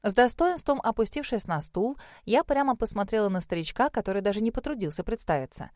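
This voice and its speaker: Female audiobook narrator, even steady read, mid pitch, dry booth sound. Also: fast, dry recording. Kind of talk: first-person audiobook narration.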